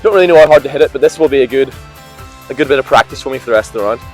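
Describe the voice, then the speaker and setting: A man's voice: mid-range voice, rapid-fire, soft background music. A young man chatting casually and commenting on his golf round outdoors, sounding hungover and short of sleep. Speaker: golf vlogger. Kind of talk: casual chat and on-course commentary.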